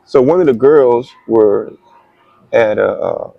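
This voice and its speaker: Miami guy with a gravelly, husky voice, easygoing storyteller, dry close mic. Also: slow, highs cut off. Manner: animated storyteller who acts out the quoted voices in a higher pitch. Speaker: co-host telling how the couple met. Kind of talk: casual storytelling chat.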